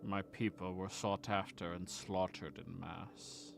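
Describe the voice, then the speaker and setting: A man voicing a creepy, lanky, quietly friendly last survivor of a dead race in a tabletop game, soft-spoken and deliberate, with phlegm in his throat. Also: deep voice, flat delivery, vocal fry, noisy background, full character voice. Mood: grave.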